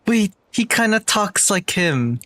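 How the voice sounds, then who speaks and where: A man's voice: high-pitched, sing-song, slow pace, fairly bright tone. Young man giving casual game commentary. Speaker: game streamer.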